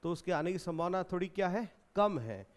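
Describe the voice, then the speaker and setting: A man's voice: high-pitched, animated, brisk. A man from India teaching an exam-prep English grammar lesson in Hindi, explaining and repeating questions back to his students.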